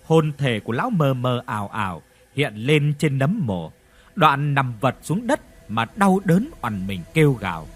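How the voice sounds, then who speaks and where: A man narrating a ghost story in an expressive, dramatic storytelling manner. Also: medium pitch, unhurried.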